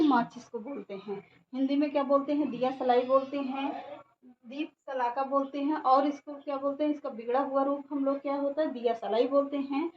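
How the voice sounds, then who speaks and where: A woman teaching a grammar lesson who keeps asking questions and answering them herself. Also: high-pitched. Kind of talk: classroom lesson. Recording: echoey room, dull sound, faint background noise.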